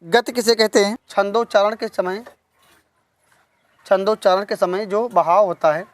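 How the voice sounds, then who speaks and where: A woman teaching a lesson on poetics, slowly repeating key terms and asking questions that she then answers herself. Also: medium pitch, fairly even intonation, no echo. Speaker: Hindi literature teacher. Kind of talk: online exam-prep lesson.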